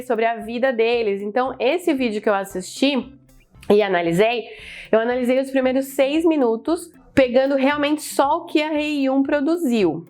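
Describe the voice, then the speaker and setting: A young Brazilian woman with a fairly high voice talks her way through an English lesson in a chatty, casual manner. She draws out example phrases slowly to show the pronunciation, and soft music plays faintly behind her. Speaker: English teacher.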